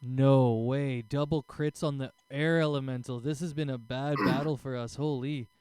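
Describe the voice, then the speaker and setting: Mellow, smooth-voiced man running a game. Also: mid-range voice, fairly even intonation, normal speed. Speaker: game master. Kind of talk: casual tabletop game narration.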